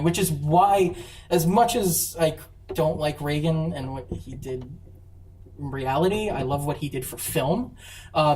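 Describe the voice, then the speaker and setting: A convention panel presenter giving a casual, chatty talk on film, full of fillers and quick laughs. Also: mid-range voice, mellow. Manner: enthusiastic, chatty, laughs often, many fillers. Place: university convention room. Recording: echoey room, far mic, faint hum.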